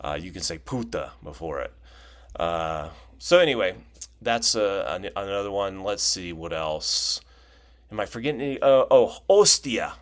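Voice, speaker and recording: A man with a fairly low voice talks through a relaxed vlog-style lesson. He rambles, restarts his sentences and drops joking asides as he goes. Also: normal speed. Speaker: language video host.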